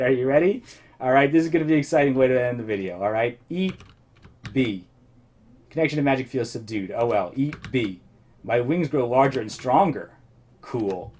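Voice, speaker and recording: Hosting a let's play, a man chats casually about his gameplay, wandering and thinking aloud. His darkish mid-range voice is a bit worn as he slightly loses it, and there is slight background noise.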